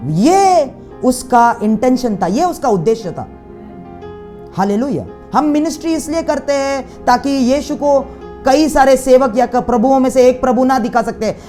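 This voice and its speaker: A man's voice: very high voice, darkish tone. Fervent male pastor preaching. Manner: fervent, peppered with hallelujahs and speaking in tongues. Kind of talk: sermon and prayer.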